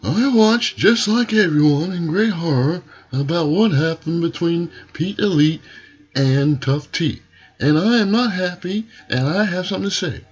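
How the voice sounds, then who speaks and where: A man's voice: a little high, lively intonation, unhurried, husky, lo-fi sound. A man playing a stern, indignant wrestling federation president delivering an emphatic, authoritarian wrestling promo.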